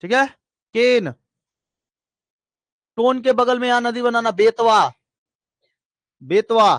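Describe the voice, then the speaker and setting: High-voiced man chanting a lesson. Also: slow, dry recording. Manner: repeats lists in a sing-song chant, asks checking questions. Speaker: geography teacher. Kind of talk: classroom lesson with drilling repetition.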